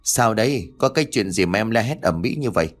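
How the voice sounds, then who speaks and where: A man as a gruff, bossy father. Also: fairly low pitch, expressive, fairly quick. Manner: brusque, commanding. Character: gruff middle-aged father, dismissive, bossy.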